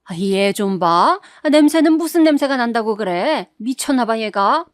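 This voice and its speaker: A woman voicing a grumpy, sharp-tongued middle-aged mother-in-law who scolds in a shrill voice. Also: expressive, normal speed, no room sound, studio quality, natural voice. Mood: shrill, angry. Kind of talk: storytelling.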